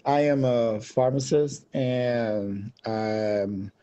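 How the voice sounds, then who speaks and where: A man from Cameroon, a pharmacist guest, speaking thoughtfully with pauses in an interview. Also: mid-range voice, little pitch movement, mellow. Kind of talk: casual interview. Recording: dull lo-fi sound.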